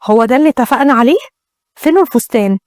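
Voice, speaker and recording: A woman doing a pushy mom, Egyptian accent, quick and high, dry sound. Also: animated, darkish tone, no echo, close to an everyday voice. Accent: Egyptian Arabic. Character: scheming mother, woman.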